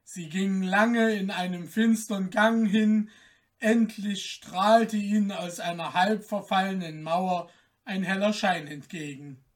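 Slow measured fairy tale narrator. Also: mid-range voice, steady tone, far from the mic. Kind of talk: fairy tale audiobook reading.

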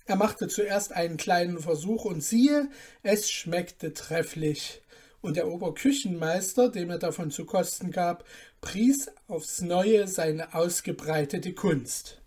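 A woman narrating a fairy tale in a measured, unhurried storybook reading. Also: fairly low pitch, darkish tone, husky.

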